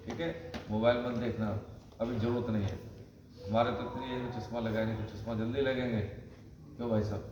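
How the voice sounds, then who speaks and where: A man's voice: mid-range voice, flat delivery, a little fast, long pauses, dull audio. A man teaching a children's class in casual talk, chatty and often checking that they understand. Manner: chatty, asks frequent check-in questions. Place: temple hall. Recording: echoey hall, far from mic, noise.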